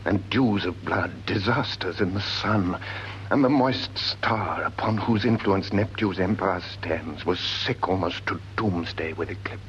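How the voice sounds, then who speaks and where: The mood turns ominous as this learned, grave scholar of a classical radio drama confronts dread omens, delivering verse in a low, declamatory voice. His tone is fairly bright, his rhetoric measured and stately, and the aged recording is dull and noisy.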